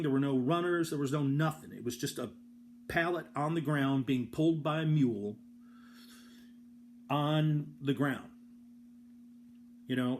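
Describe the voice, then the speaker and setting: A man's voice: a little high, slight background noise. Profane rambling male storyteller. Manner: rambling, profane, self-deprecating with comic exaggeration; frequent restarts and filler words. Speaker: storyteller host. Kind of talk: casual personal storytelling.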